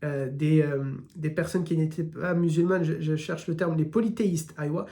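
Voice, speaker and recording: A man's voice: on the high side, steady tone, normal speed, mellow. A man from France with an Occitan-tinged French accent, teaching a weekly religion lesson in short repeated phrases.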